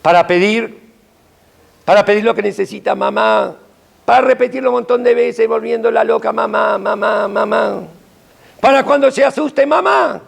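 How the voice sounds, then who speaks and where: Older male rabbi, sermon, gravelly high voice, husky, dramatic emphatic storytelling. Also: moderate pace. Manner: dramatic, emphatic storytelling with sudden pitch swings.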